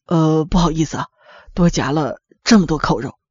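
A woman's voice: low-pitched, normal speed, a little mellow, husky, no room sound, lo-fi sound, voice pushed down. A woman voicing an embarrassed middle-aged man who mutters apologies to his family. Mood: sheepish.

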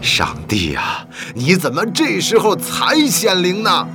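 A man's voice: high-pitched, huge pitch swings, takes it slowly, pitched above the performer's own voice, heavily acted. A man voicing a sneering, greedy kidnapper who mocks his captive with jeering laughs, over background music. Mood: gloating.

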